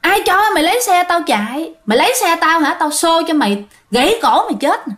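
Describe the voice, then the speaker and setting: A woman's voice: extremely high pitch, sing-song, a little fast, a bit bright, voice pushed up, heavily acted. A woman voicing an angry male ghost who hisses menacing threats. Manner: harsh, menacing.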